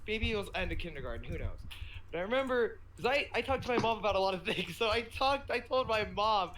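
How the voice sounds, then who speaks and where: A man's voice: high voice, animated, quick pace, fairly bright tone, slight background noise, poor audio. A teenage boy co-hosting a podcast, telling a story in a rambling, self-interrupting way with frequent laughs. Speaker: podcast co-host. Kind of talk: casual chat.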